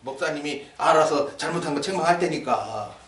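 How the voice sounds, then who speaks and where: A man's voice: fairly high pitch, a little fast. An older man preaching a sermon as pastor, asking the congregation questions and joking with them. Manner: lively, asks the congregation questions, jokes. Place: church sanctuary. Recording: echoey church hall, mic at a distance.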